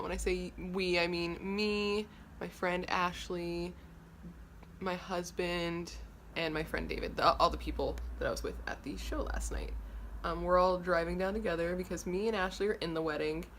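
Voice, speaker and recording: A woman in her late twenties with a low voice chats about her life while doing her makeup. She rambles and swears freely in an easygoing, candid way, recorded close to a camera in her bedroom, with a faint hum of room noise behind her. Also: gravelly, fairly bright tone. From Los Angeles, USA. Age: 20s. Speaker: beauty vlogger. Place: bedroom, indoors. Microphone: camera in front at close range.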